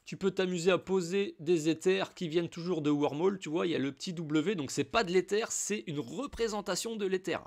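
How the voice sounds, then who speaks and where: A man's voice: high voice, fairly quick, vocal fry, hardly any pauses, a little mellow. A man from France walking the viewer through a crypto tutorial in a casual, chatty way, with frequent fillers. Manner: chatty, addresses viewer informally with many fillers. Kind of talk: casual screen-recorded tutorial.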